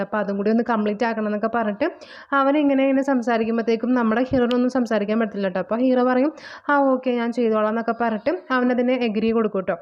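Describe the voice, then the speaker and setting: A woman's voice: on the high side, dull audio. A woman retelling a drama's plot in a casual, chatty way, often adding friendly asides to her sentences. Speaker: drama recap narrator.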